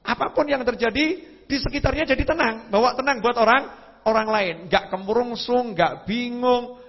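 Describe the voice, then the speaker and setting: Lively preacher with a husky voice. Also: male voice, moderate pace. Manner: animated storytelling with sudden pitch leaps and sound effects. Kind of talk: religious lecture. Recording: lo-fi hall recording with long reverb.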